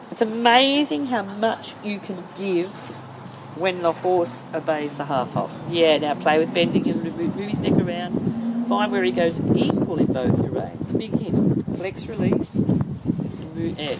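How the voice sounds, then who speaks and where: A woman working as a horse-riding instructor, calling out short, insistent, repeated coaching commands in an outdoor arena. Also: lowish voice. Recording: outdoor noise over camera microphone. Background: outdoor ambient noise.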